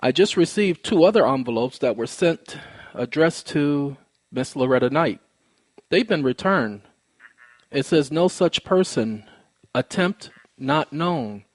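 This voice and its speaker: Politely but insistently, a man on the high side of pitch explains his complaint in formal, precise language. He is the caller presenting his own recorded phone call, and no room sound is audible.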